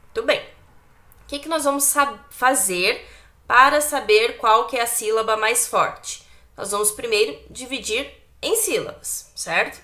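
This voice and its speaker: Bright-voiced Brazilian woman teacher. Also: on the high side. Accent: Brazilian Portuguese. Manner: patient, slow and clear, asks pupils rhetorical questions. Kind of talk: recorded online grammar lesson for children.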